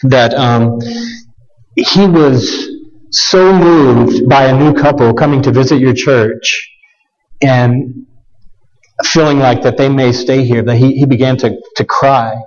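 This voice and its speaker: A man preaching as a guest in a church sanctuary delivers a casual, humble sermon full of restarts. His medium-pitched voice is slow and scratchy, he coughs, and the recording is muffled.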